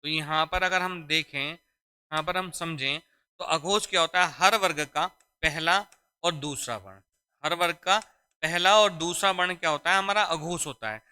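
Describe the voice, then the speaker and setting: A man's voice: on the high side, normal speed, sharp tone, clear, resonant tone. A man teaching a Hindi grammar lesson for exam preparation, repeating key phrases and quizzing his students. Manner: addresses students as "beta". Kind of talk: exam-prep classroom lesson.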